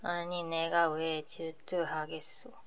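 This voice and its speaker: A woman's voice: low-pitched, monotone, quick pace, crowd noise. A woman learning Korean who repeats practice phrases carefully during a lesson. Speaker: language learner. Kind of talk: practice drills.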